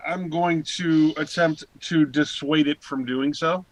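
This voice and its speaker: A man's voice: on the high side, fairly even intonation, takes it slowly, dry recording, low-quality recording. A man playing at a tabletop game, making wry jokes about his character's luck. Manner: joking, wry. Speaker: player. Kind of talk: casual tabletop play.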